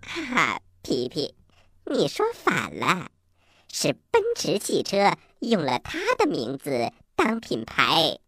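Children's story frog: croaky, playful, exaggerated, very animated delivery. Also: male voice, a little high, slow, soft background music, heavily acted. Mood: explaining cheerfully. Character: cheerful eager little talking frog, knowledgeable time-machine guide. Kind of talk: children's audio story acting.

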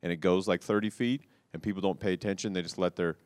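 A man on a casual talk show, telling a rambling story with restarts and loud quoted outbursts. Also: sits low, fast, no echo. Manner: animated, rambling, restarts, quotes people loudly. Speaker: podcast co-host telling a cycling story.

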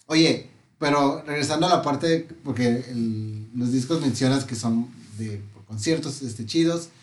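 A man's voice: medium pitch, unhurried, echoey room. A man with a Mexican accent hosting a casual music chat, asking questions and sharing memories. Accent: Mexican Spanish. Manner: relaxed, asks questions and reminisces.

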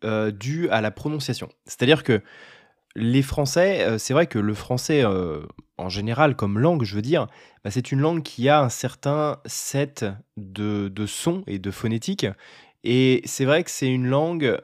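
A young French man giving a casual talk to camera about learning languages, often pausing on fillers and restarting his sentences. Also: mid-range voice, animated, dry recording, clean studio sound. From France. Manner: hesitant, many fillers and restarts.

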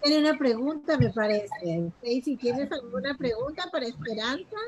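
A woman's voice: high voice, expressive, moderate pace, dull audio, crowd noise. A woman hosting a community talk, speaking as the moderator. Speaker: host.

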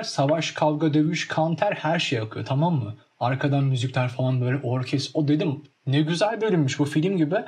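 A young man chatting casually and telling stories in a lively way, acting out scenes with mimicked sounds. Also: mid-range voice. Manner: animated storytelling, acts out scenes with mimicked sounds. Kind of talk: casual chat.

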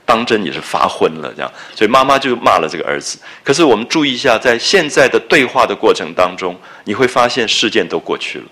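A man's voice: mid-range voice, sing-song, quick pace, few pauses, sharp tone. A man lecturing on a classic novel. He talks conversationally, repeating phrases and asking his listeners rhetorical questions. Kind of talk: explanatory literature lecture.

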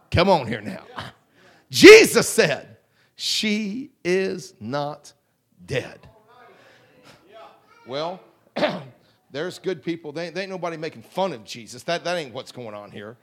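A man preaching a fervent holiness sermon, rhythmic and drawling, often clearing his throat. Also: fairly high pitch. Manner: fervent, rhythmic, drawling with repeated call-outs.

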